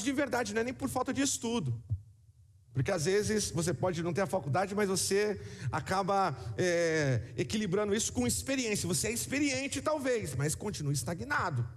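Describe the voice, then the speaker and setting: High-voiced Brazilian pastor preaching. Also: male voice, long reverb tail. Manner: conversational preaching with repetitions and asides to the congregation. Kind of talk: sermon.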